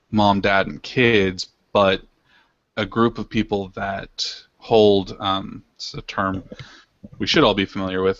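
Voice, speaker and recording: Podcast host guy, low flat voice, slow and unsure, dull dry sound. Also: no echo. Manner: hesitant, searching for words. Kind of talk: casual podcast discussion.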